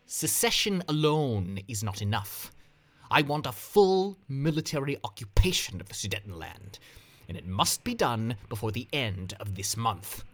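A man's voice: medium pitch, lively intonation, moderate pace, a bit bright, lightly acted. A man voicing a cold male dictator who speaks firmly and makes clipped demands.

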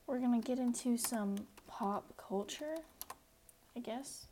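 A woman's voice: a little high, slow pace, a little hiss or hum, rough recording. Rambling young woman podcasting from home. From United States. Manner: rambling, self-deprecating, drifts to a soft near-whisper at times. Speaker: podcast host. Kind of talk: casual solo podcast.

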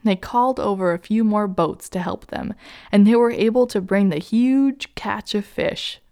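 A woman narrating a children's story gently and asking the young listener questions. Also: mid-range voice, normal speed.

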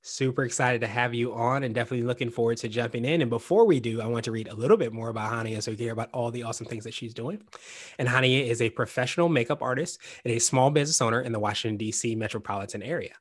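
Hosting a business podcast interview, this man speaks very fast at a medium pitch. He's upbeat and chatty, often repeating words and restarting phrases.

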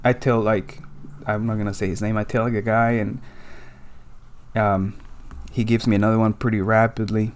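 Animated man telling an emotional story. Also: lowish voice, moderate pace, long pauses, smooth. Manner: animated, emotional storytelling with frequent fillers and swearing. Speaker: podcast guest. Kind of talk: casual conversation.

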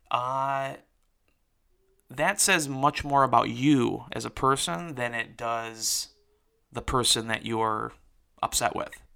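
A man's voice: medium pitch, gravelly, bright, forceful tone, smooth. A man hosting an interview show, talking earnestly about forgiveness with lots of fillers before introducing his guest. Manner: earnest, filler-heavy with restarts. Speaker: podcast host and interviewer. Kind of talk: casual spoken commentary then interview.

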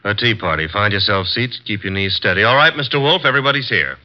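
An actor voices a brisk, wisecracking male assistant detective in a 1950s radio drama, matter-of-fact and wry. His voice is lowish and animated, only lightly acted, heard on a muffled old broadcast recording.

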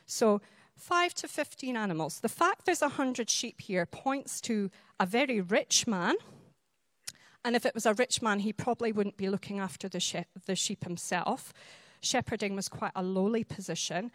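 A woman from the Highlands of Scotland with a Highland Scottish accent, preaching a sermon in an explanatory way and checking in with short tag questions. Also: moderate pace, dry recording.

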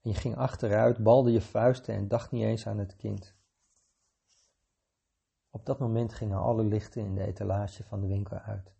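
A man reading a short story aloud in a calm, measured way, with a gravelly, husky voice. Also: fairly low pitch.

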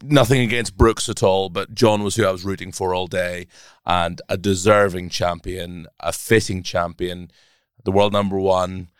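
An enthusiastic man, a sports broadcaster joining a podcast as a guest, talks in an animated way and laughs easily. His low voice is smooth and resonant, recorded close with no echo. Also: normal speed. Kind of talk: casual podcast chat.

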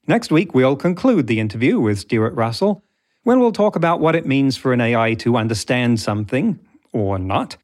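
A man's voice: medium pitch, a little mellow. A man hosting a podcast, reading scripted narration with a wry, dry humour. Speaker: podcast host.

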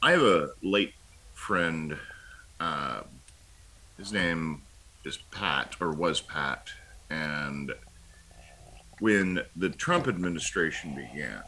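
A man co-hosting a political talk show, talking in a halting, wry way with many ums and pauses. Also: very deep voice, expressive, sharp tone, a little hiss or hum. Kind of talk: casual political commentary.

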